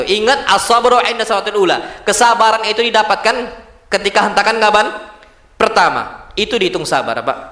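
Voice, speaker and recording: Picture a man preaching in a mosque hall, his voice pitched unusually high and ringing with a bright, forceful edge. He keeps firing questions at his listeners and answering them himself, calling them "sir" as he goes and working in Arabic sayings. The sound bounces around the room with plenty of echo. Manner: lively, asks the audience rhetorical questions and answers them himself; addresses listeners as "Pak", quotes Arabic sayings. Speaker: Islamic preacher. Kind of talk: mosque sermon.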